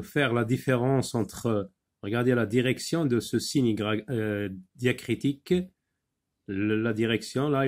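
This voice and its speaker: Slow, patient man teaching phonics. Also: fairly low pitch, darkish tone. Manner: slow, patient, with many pauses and fillers; switches between French and Arabic explanations. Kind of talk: phonics lesson.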